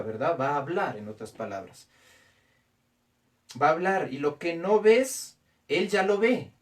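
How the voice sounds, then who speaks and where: A man preaching a sermon as pastor, with emphatic repetition and pauses. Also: a little high, recorded from a distance. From Ecuador.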